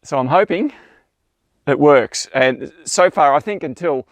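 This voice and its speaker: A man's voice: a little high, animated, a little slow, no room sound. Male photographer-vlogger, self-deprecating, casual, dry sound. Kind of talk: casual storytelling vlog.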